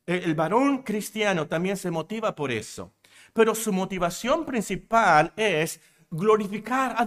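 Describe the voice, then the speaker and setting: Male pastor, emphatic sermon delivery, fairly high voice, plays out quoted voices. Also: fairly bright tone. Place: church.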